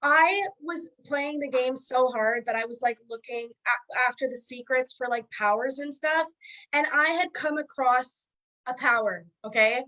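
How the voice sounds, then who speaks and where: A woman and former house guest telling a lively story on a video call. She swears freely and acts out the quotes. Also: high voice, measured pace, rough recording. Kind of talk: casual storytelling.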